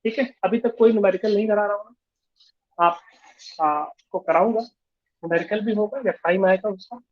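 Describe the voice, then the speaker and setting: A man's voice: high-pitched, normal speed, highs cut off. A male physics teacher giving an online class lecture, explaining step by step and mixing Hindi and English.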